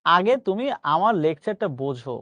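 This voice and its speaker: A man's voice: high-pitched, animated, normal speed, fairly bright tone, no room sound. A man teaching a pronunciation class online, reassuring his students and slipping English phrases into his lecture.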